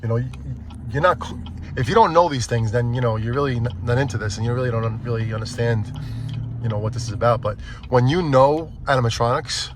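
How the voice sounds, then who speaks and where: A middle-aged man films a casual phone vlog in and around his truck as he loads and drives it, rambling with many restarts and fillers. His mid-range voice moves fast, with a little hiss or hum in the audio.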